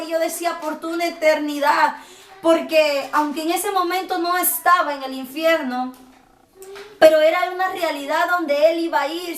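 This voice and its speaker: A woman's voice: high voice, a bit bright, recorded from a distance. A woman giving a fervent religious testimony and calling her listeners brethren. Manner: fervent, preacherly, keeps addressing listeners as brethren. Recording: roomy sound, voice off-mic.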